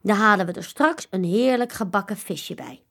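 A woman voicing a kindly old grandfather in a children's story, gentle and homely. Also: mid-range voice, expressive, moderate pace, vocal fry. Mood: cheerful. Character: kindly grandfather cooking at home.

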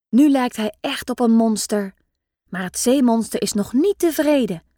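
A woman reading a children's story aloud in a lively, expressive way. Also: fairly high pitch, no room sound, studio quality.

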